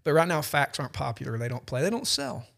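A man in his forties hosting a casual podcast chat, telling stories with a self-deprecating, animated manner. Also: medium pitch, fast talker, gravelly. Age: 40s. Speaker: podcast host.

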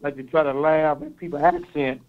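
A man's voice: fairly high pitch, fairly even intonation, moderate pace, narrow, tinny audio. A man from East Saint Louis with a local accent, calling into a sports show and earnestly reeling off stats. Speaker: caller. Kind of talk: call-in sports talk.

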